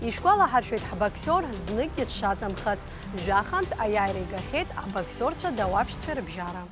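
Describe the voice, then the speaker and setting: A woman's voice: medium pitch, sing-song, normal speed. A woman presenting sports news in scripted narration. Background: music.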